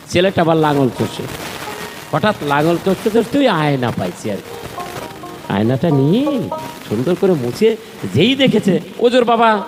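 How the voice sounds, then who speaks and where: A man with a Bangladeshi Bengali accent preaching a devotional sermon at a temple gathering, telling a story in an animated way and asking the audience questions. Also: on the high side, long reverb tail. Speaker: kirtan singer and preacher.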